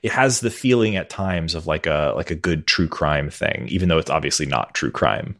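A man's voice: rumbling low, animated, moderate pace, fairly bright tone. A man hosting a podcast in casual chat, talking loosely with many fillers. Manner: chatty, fills with "uh" and "like". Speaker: podcast host.

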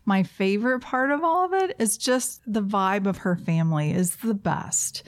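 A woman co-hosting a podcast in a relaxed, casual chat. She talks with enthusiasm and agrees warmly with her partner, often chiming in with yeahs. Her voice sits at an ordinary pitch for a woman. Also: moderate pace. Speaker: podcast co-host.

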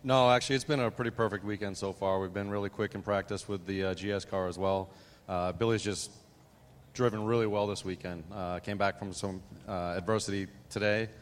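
Deep fast-talking team owner, man. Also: steady tone, in a large hall, slight background noise. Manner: dry, joking. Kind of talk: post-race interview.

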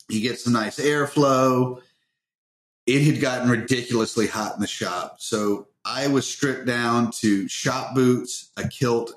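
A man with a middle-pitched voice tells wry, joking stories as a podcast co-host. He is from the American South. His voice carries a roomy echo. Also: a bit bright. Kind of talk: casual chat.

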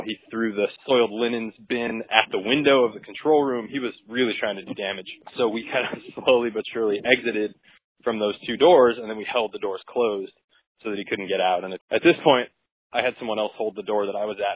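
A man, a physician, casually recounting a case on a podcast with relaxed, wry and crude asides. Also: lowish voice, slightly rough, no room sound. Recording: tinny dry phone-like recording.

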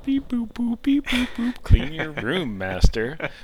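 A man's voice: high-pitched, huge pitch swings, slow, a little mellow, a little hiss or hum, pitched above the performer's own voice, full character voice. A man voicing an obedient robot servant that imitates computer processing with beep-boop sounds, in a casual podcast chat. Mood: mechanical. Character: beeping obedient robot servant, mechanical and eager.

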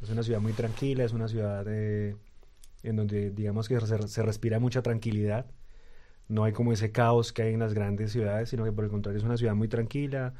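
Speaking fairly quickly in a lowish, dark voice with flat delivery, this young Colombian radio guest has a Colombian Spanish accent. His casual interview talk is hesitant, broken up by many fillers and restarts.

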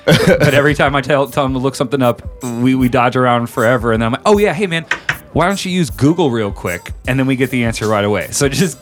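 A man's voice: mid-range voice, quick pace, soft background music. A man in his thirties, a podcast host chatting casually, loose and joking, swearing freely. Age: 30s.

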